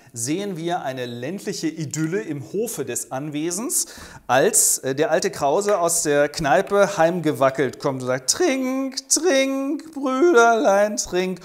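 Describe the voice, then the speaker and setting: A man narrating a humorous retelling of a stage play, ironic and chatty, with filler sounds. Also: a little high.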